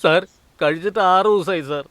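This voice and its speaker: A man playing a washed-up male film hero who pleads for work in a dubbed film, with a clear voice. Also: high voice, moderate pace, a bit bright. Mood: pleading.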